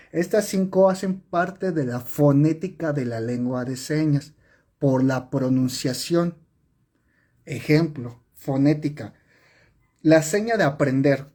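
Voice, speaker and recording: Warm and husky, the man's voice sits on the high side. He leads a live-streamed sign language lesson, explaining one step at a time, going back over points and fixing his own wording amid many fillers, recorded through a phone or webcam.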